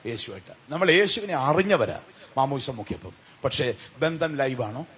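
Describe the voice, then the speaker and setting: A male preacher giving a sermon, firing questions at the congregation and swinging from loud calls to soft, low answers. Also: big pitch swings, moderate pace, a little hiss or hum. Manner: call-and-response questions to the congregation.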